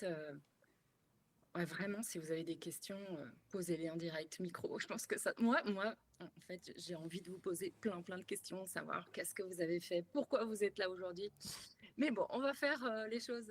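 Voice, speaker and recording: A woman's voice: on the low side, moderate pace, a little hiss or hum. A woman in her fifties, from France, giving a webinar presentation as a trainer, explaining step by step with many fillers and restarts. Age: 50s. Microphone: video call.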